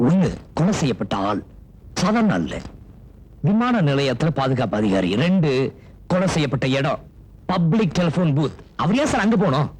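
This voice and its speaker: A man's voice: on the high side, big pitch swings, normal speed, darkish tone, breathy edge. An actor playing an earnest newspaper reporter in a 1990s film, persuasive with his boss and polite with strangers. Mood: insistent. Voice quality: earnest, persuasive, playful with a child.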